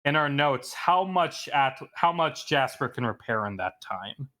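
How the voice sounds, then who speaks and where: A man's voice: mid-range voice, lively intonation, a little slow, bright, forceful tone. Filler-heavy male game master. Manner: loose, filler-heavy narration with frequent "like" and "uh". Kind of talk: running a tabletop game session.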